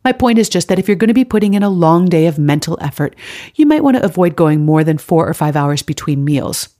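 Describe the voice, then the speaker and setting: A woman with a slightly low voice delivers scripted advice as a podcast host. She sounds upbeat and tidy, laying out each point in an organized, explanatory way. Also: lively intonation, a little fast, dark tone.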